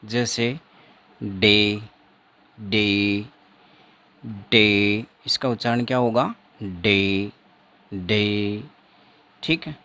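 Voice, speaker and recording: A man's voice: on the low side, drawn-out words, long pauses, pushed and bright. A man teaching an exam-prep phonetics lesson, repeating each sound and example several times.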